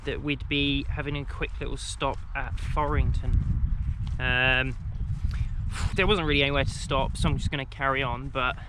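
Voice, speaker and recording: Chatting into a handheld camera on an outdoor country walk, a young man from England rambles and keeps restarting with ums. His medium-pitched voice is steady at a normal pace, and there is background noise.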